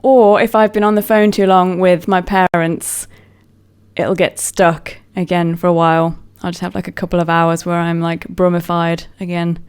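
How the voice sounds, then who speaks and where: A woman's voice: lowish voice, flat delivery, normal speed, darkish tone, clean tone. A woman with a neutral British accent chatting casually to camera, rambling and self-mocking, trailing off with fillers. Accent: neutral British English. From England. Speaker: vlogger.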